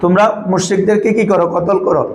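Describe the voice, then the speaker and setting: A male Arabic grammar teacher, drilling his students with quick questions in a patient classroom manner. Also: high-pitched, steady tone, a little mellow, reverberant, a little hiss or hum, low-quality recording.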